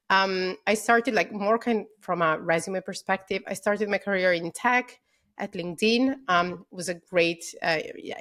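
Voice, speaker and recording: With a lowish, slightly bright voice, this thirtysomething woman from Italy chats enthusiastically as a podcast guest over video call. Her Italian accent comes through, and her casual interview answers are packed with "um" and "like".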